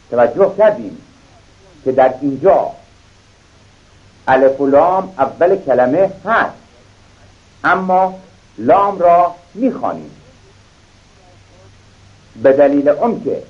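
A man's voice: mid-range voice, dull audio. A man teaching a reading lesson, patiently spelling out each syllable and repeating it.

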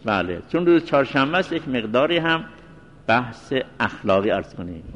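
A male seminary teacher giving a religious law lecture, repeating references slowly and mixing in recited phrases. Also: mid-range voice, very animated, a bit bright, dull audio. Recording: long reverberant hall sound.

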